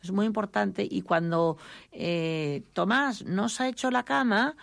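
A middle-aged woman answers interview questions, lively and talkative, now and then slipping into a higher voice to mimic her children. Her voice has a gravelly fry, and the sound is close and dry. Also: a little slow, dry recording. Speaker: mother and author, interview guest.

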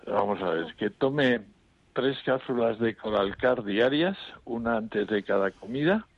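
A man on a call-in radio show, calmly giving health advice to callers and repeating instructions. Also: mid-range voice, unhurried, no echo, narrow, tinny audio. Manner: calm, methodical, repeats dosages.

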